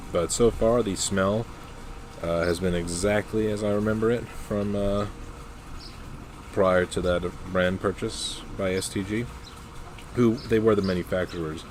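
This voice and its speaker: A man with a low voice talks through a casual review. His delivery is unscripted and matter-of-fact, often halting as he looks for the next word. There is clear noise behind his voice throughout. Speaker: pipe tobacco reviewer.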